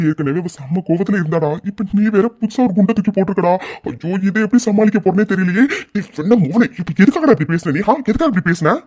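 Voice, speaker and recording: A man's voice: high-pitched, dark tone. A man voicing a harried young husband in a cartoon, flustered and whining, afraid of his wife. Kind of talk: cartoon dubbing.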